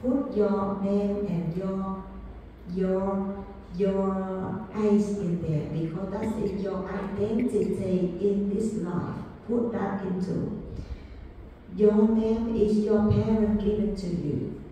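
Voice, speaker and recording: A woman giving a Buddhist dharma class, speaking deliberately and repeating key phrases to her students. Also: mid-range voice, fairly even intonation, dark tone, slight background noise. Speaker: Buddhist teacher. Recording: echoey hall, far from mic.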